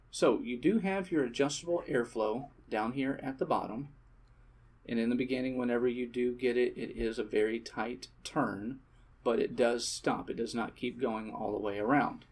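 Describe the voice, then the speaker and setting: A man giving a relaxed product demonstration, talking casually with frequent fillers and self-corrections. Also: mid-range voice. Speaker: shop presenter.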